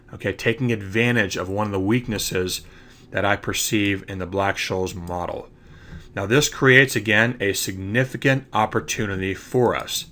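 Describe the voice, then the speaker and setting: A trading educator with a lowish, sharp-toned voice, congested from allergies, explains trading ideas in a screen-recorded slide lecture, often checking in with "okay?".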